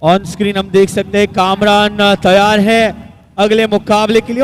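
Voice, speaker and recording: Guy commentating live cricket, really high pitched, stretches out showy phrases. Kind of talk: live match commentary and analysis.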